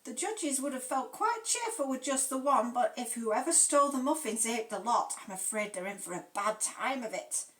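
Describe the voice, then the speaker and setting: A woman's voice: fairly high pitch, lively intonation, moderate pace, hardly any pauses, a bit bright. A woman reading her story plays an anxious, sheepish lady baker with a hesitant, worried way of speaking. It is heard in a roomy space from a distance.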